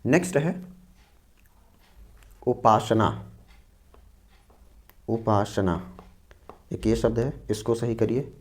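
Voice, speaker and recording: A man with a slightly low voice teaching an exam-prep Hindi spelling lesson. He repeats each word patiently and walks through it step by step. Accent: North Indian Hindi. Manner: explains slowly, repeating each word and saying "dekhiye" and "theek hai".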